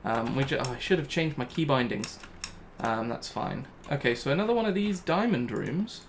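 A man's voice: mid-range voice, animated, normal speed, a little hiss or hum. A young man talking through his gameplay live, thinking aloud and repeating himself when things go wrong. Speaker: gaming channel host.

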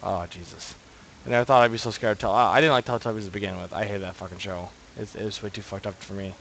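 A man's voice: on the low side, steady tone, fast talker, vocal fry, fairly bright tone, a little hiss or hum. A man streaming himself playing a horror game, jumpy and swearing constantly as he talks through it. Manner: jumpy, swears constantly, pleads others to take over. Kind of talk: live horror game commentary.

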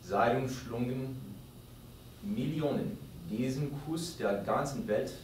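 A man reading verse aloud in a careful, measured way with small slips. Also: mid-range voice, a little hiss or hum. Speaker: volunteer reader in the audience. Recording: echoey hall, mic far off.

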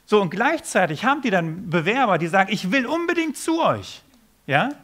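Animated man giving a stage keynote. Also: high-pitched, moderate pace. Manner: animated storytelling, acts out quoted dialogue. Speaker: keynote speaker. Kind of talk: conference keynote talk. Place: conference stage.

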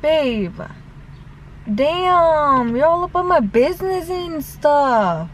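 A woman's voice: high-pitched, very animated, slow pace, a little hiss or hum, low-quality recording. A young woman in a casual couple vlog, playfully indignant and bantering, often saying "dude" and "bogus". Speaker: vlogger, girlfriend.

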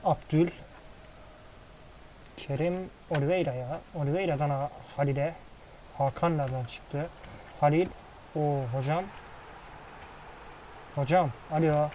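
Excitable man calling a football game. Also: a little high, a little slow, pauses often, a little hiss or hum, rough recording. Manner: excitable play-by-play, swears casually. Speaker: gaming commentator. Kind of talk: casual football game commentary.

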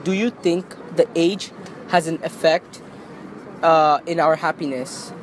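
A man's voice: on the high side, steady tone, takes it slowly, very noisy. A teenage boy, a student interviewer, politely and somewhat hesitantly asking passers-by a question on the street. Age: teens. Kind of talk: street vox pop questions. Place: city sidewalk outdoors.

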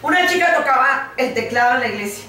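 An older woman preaching a sermon in short phrases, pausing for an interpreter, in a living room. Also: sits high, expressive, pushed and bright. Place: living room set with framed pictures. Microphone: far camera. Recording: echoey room from far off, faint music.

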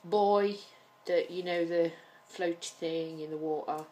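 A woman's voice: fairly low pitch, steady tone, a little slow, a little mellow. A woman from England with an East Midlands accent, chatting casually and hesitantly into a home camera mic, with frequent ums. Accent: East Midlands English. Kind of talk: casual accent-tag video.

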